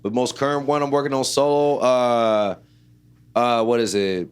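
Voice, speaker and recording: A man's voice: medium pitch, fairly even intonation, normal speed, smooth. A man from Illinois, a rapper and producer, talking as an interview guest in a loose, rambling way full of fillers. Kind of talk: casual interview chat.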